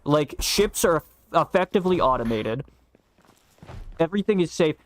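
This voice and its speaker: A man's voice: on the high side, animated, normal speed. A young man streaming a game and chatting casually, blunt and profane, bantering with his co-host. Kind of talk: casual chat while gaming.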